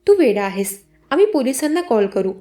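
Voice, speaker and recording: A woman voicing a young husband who firmly tries to calm a threatening man. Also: very high voice, normal speed, echoey room. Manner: firm, placating. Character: young husband, protective and trying to stay calm.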